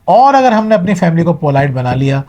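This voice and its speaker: A man's voice: on the high side, big pitch swings, a little mellow. A middle-aged man giving a motivational talk to viewers, earnest and advising, mixing in English words. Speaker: motivational speaker.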